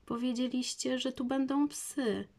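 A woman voicing a small, curious, easily frightened girl in a children's audiobook, speaking in a high, breathless child's voice. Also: steady tone, a little slow, vocal fry, a little mellow.

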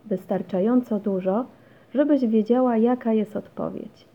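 A woman's voice: a little high, unhurried, voice pushed up. A woman playing a weary, patient mom. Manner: patient and weary, gently firm. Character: tired, patient mother of three. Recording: dull lo-fi recording.

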